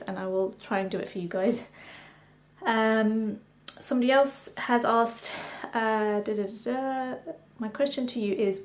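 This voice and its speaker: A woman's voice: on the high side, a little mellow, a little hiss or hum. A young woman from London with a London accent, a makeup artist chatting casually through viewer questions with many ums. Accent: London English. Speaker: beauty vlogger and makeup artist. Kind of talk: casual Q&A vlog.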